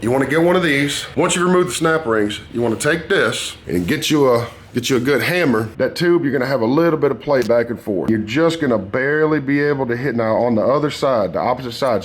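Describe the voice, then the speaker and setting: A talkative man with a Southern US hillbilly drawl gives a casual, folksy, rambling hands-on tutorial in a workshop. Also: medium pitch. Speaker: motorcycle painter and builder presenting a how-to. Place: dingy workshop. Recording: noisy workshop ambience.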